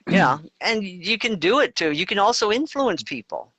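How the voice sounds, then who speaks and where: Guy with a bright punchy voice, kinda high, going on and on in a casual spiritual chat, swears now and then. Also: sing-song, normal speed, no room sound. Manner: emphatic, talks in long runs with crude asides. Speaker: co-host.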